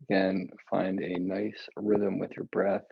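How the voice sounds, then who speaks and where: A man calmly guiding breathing and stretching exercises from a meditation cushion at home, with casual asides. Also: deep voice, gravelly, slightly rough, dry recording, dull audio. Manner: slow, calm, relaxed with casual asides. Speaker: meditation and yoga guide. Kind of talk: guided breathing and stretching instruction.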